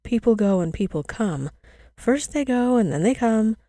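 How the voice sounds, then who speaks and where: A woman's voice: on the high side, lively intonation, normal speed, mellow, no echo, clean studio sound, voice pushed up. A woman voicing a strange, sly village girl who speaks coolly and with superiority in a storybook reading.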